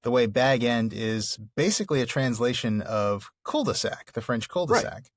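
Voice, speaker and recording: A man's voice: medium pitch, moderate pace, dry recording. Easygoing man on a dry podcast mic. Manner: relaxed, easygoing, nerdy enthusiasm. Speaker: podcast co-host. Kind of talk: casual chat.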